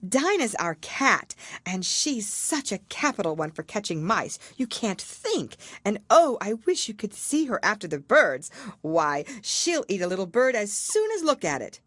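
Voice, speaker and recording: A woman's voice: mid-range voice, sing-song, a little slow, a bit bright, no room sound, clean studio sound, voice pushed up. A woman voicing a polite, curious young girl in a storybook, earnest and eager to please.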